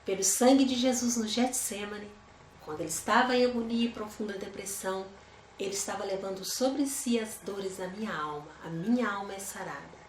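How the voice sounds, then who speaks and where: A woman's voice: medium pitch, brisk, echoey room, slight background noise. A woman teaching a Bible study lesson in a conversational way, often asking her listeners rhetorical questions.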